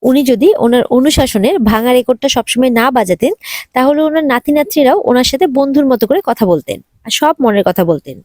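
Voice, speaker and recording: Woman reading a mouthy new bride, teasing and cheeky, kinda high voice, dry sound. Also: expressive, brisk, darkish tone, dry recording. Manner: cheeky, mocking retorts. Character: bold, sharp-tongued young bride.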